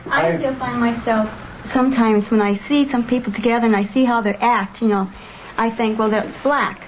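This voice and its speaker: Thoughtful young woman, fairly high voice. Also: fairly even intonation, normal speed. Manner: thoughtful, self-questioning. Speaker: former student. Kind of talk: candid personal reflection. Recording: dull lo-fi documentary audio with faint room noise.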